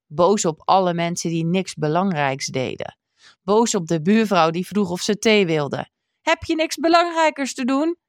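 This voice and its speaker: Woman reading a kids story out loud, expressive but steady, super dry close sound. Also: fairly low pitch, no room sound. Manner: expressive, measured.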